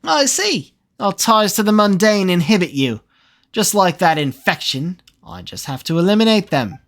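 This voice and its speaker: A woman's voice: medium pitch, big pitch swings, moderate pace. A cold, scheming villain spirit, played by a woman, speaks haughtily and with menace. Its words drip with scorn in this game reading. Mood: scornful.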